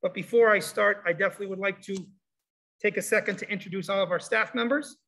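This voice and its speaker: A man with a high-pitched voice talks through a face mask, slightly muffled. He gives an informal welcome-session presentation to families as a school supervisor. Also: steady tone, fast talker, creaky, pushed and bright. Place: indoor school room, standing before a presentation screen.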